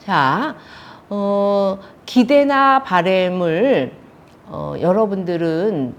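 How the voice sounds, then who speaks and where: A woman's voice: mid-range voice, expressive, very slow, dull audio. A woman in her sixties teaching a counseling class, telling stories and acting out the quoted lines. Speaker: counseling instructor. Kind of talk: lecture on counseling technique.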